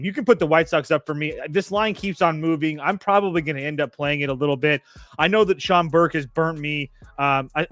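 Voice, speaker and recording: A man's voice: mid-range voice, fairly bright tone, no echo. A man co-hosting a sports betting show, talking casually in a rambling, hedging way full of "I mean" and "um". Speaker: co-host and betting analyst. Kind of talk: casual chat.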